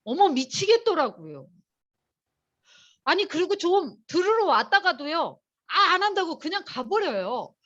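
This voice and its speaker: A woman giving a lively motivational seminar lecture to a live audience, chatty and storytelling, talking straight to the crowd. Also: very high-pitched, measured pace, lo-fi sound. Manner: animated, chatty storytelling, addresses the audience directly.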